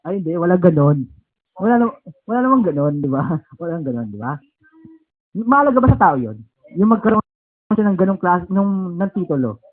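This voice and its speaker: A man with a Filipino accent teaching the Bible at a home service, checking in with "okay?" and repeating words slowly. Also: high-pitched, sing-song. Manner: keeps asking "okay?" and "di ba?". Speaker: preacher. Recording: tinny phone-like lo-fi recording.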